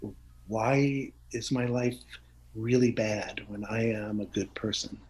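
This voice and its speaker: A man's voice: fairly low pitch, slow pace, a little mellow, faint music behind, rough recording. Middle-aged guy in an interview, earnest and open, laughs a lot, keeps restarting words. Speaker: guest. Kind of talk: reflective conversational interview.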